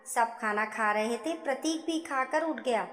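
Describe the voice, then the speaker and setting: A woman narrating a moral story in an expressive, scripted storytelling manner. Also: on the high side, a little slow, soft background music. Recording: echoey room with long reverb.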